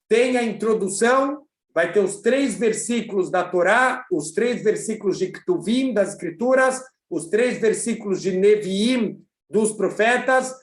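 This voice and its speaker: Brazilian rabbi, high voice, animated teacher, echoey video-call audio. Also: male voice. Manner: animated storyteller, explanatory. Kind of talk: religious lesson with storytelling.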